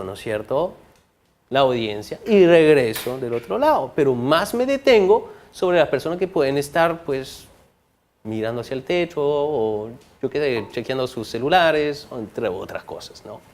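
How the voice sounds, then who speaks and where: A man leads a training session on body language, his voice sitting a little on the higher side. He talks to the room in a lively way, checking in with listeners often, and he slows down, drops his volume, then hits a word hard to make a point. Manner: lively, frequent rhetorical checks with the audience; varies volume and speed for emphasis. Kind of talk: training talk to an audience.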